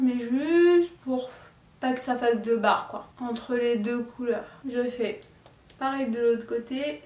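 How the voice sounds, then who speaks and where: A young woman talks through her makeup routine in a loose, chatty way, full of little fillers and self-deprecating asides. Her voice sits a bit high and reaches the mic from a short distance, in a room with a noticeable echo. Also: darkish tone. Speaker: beauty vlogger. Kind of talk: makeup tutorial chat.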